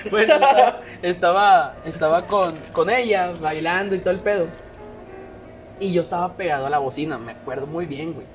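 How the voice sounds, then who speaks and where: Mexican man, very high voice, animated storyteller, music underneath. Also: normal speed, pauses often. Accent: Mexican Spanish. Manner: animated, swearing, acts out quotes loudly. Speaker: podcast co-host telling an anecdote. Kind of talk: casual storytelling among friends.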